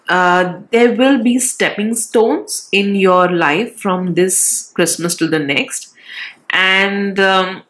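Female tarot host, medium pitch, nasal and congested with a cold, casual reading style with frequent reassuring tags. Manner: reassuring check-in tags like "all right", "okay". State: has a cold. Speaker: tarot reader, channel host. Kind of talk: casual pick-a-card reading to viewers. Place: indoors, at a decorated tabletop.

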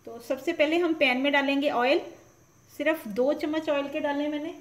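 A woman hosting a home cooking show walks through a recipe step by step, her high-sitting voice fairly even in intonation at a normal speed. Loud frying sizzle and stirring noise from the pan fill the recording.

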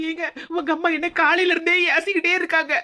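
Woman doing a young daughter-in-law in a cartoon, always complaining, bright high voice, talk. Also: little pitch movement, quick pace. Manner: complaining, indignant. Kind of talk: cartoon voice acting.

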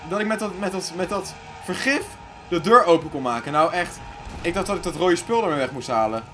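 Guy doing let's play commentary, kinda high voice, jumpy and panicky, faint music behind. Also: animated, fairly quick. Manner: jumpy, loudly panicking, talks to himself. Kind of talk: casual gaming commentary.

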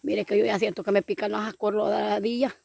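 A woman's voice: medium pitch, level tone, a little fast, creaky, darkish tone, no room sound. A woman joking outdoors in brush, playing a bossy, teasing commander in an improvised skit. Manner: bossy, teasing, tells jokes. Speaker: vlogger playing a jungle commander.

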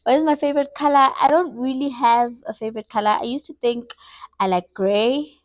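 A woman's voice: on the high side, brisk, no echo. Chatty South African woman in her twenties. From South Africa, Eastern Cape. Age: 20s. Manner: chatty, playful, self-mocking. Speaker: vlogger. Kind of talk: casual get-to-know-me vlog.

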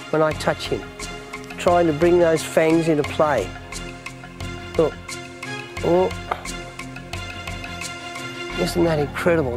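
A man in his fifties with an Australian accent, presenting a wildlife documentary outdoors in a dramatic, emphatic, marvelling manner. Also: on the high side. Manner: dramatic, emphatic, marvelling, often breaking off to address the animal. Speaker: wildlife show host.

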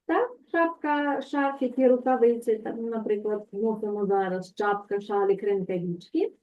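Patient woman teacher, lightly high voice, on a thin video-call line. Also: steady tone, normal speed. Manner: patient, explanatory, frequent "так?" checks. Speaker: Polish language teacher. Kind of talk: online language lesson. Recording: tinny phone-like call audio.

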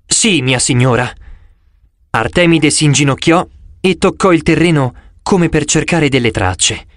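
A man reading an audiobook aloud with expressive, animated storytelling. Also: fairly high pitch, normal speed, no echo, clean studio sound. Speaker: audiobook reader. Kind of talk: scripted audiobook narration.

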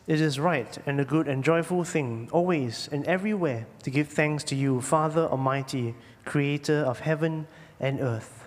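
A male pastor leading prayer and the communion liturgy in a measured, reverent voice, heard with a long cathedral-like echo. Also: on the high side, a little hiss or hum. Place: church sanctuary. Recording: long echoing hall reverb.

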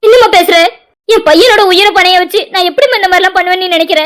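A woman's voice: extremely high pitch, quick pace, fairly bright tone. A woman voicing a defensive middle-aged mother in a cartoon drama, pleading and justifying herself.

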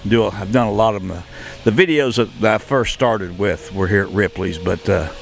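A man's voice: fairly low pitch, moderate pace, gravelly, a little hiss or hum. A man giving a casual walking-tour commentary outdoors, rambling with many fillers and restarts. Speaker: travel vlogger. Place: outdoors at a shopping and entertainment complex.

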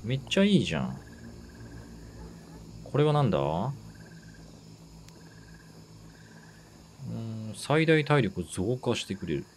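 A man giving let's-play commentary, excitable, talking to himself and repeating words in quick bursts. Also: mid-range voice, a little hiss or hum. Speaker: game streamer.

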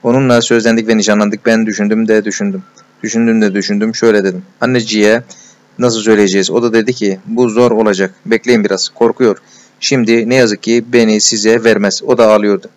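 A tender-hearted young clerk from a storybook, shy and overjoyed, pouring out his heart in breathless confiding rushes, as a man reads him. The voice sits low. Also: level tone, natural voice. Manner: emotional, breathless confiding, repeated endearments.

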